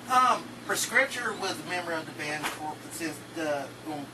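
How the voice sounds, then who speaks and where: A man's voice: a little high, animated, moderate pace. A man interviewing a musician, asking questions in a hesitant way, searching for words. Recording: distant mic with loud background noise.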